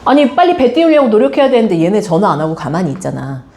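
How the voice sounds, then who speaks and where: A woman's voice: mid-range voice, big pitch swings, quick pace, warm tone. A woman teacher giving a classroom literature lecture, quizzing her students with frequent questions. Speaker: high school teacher.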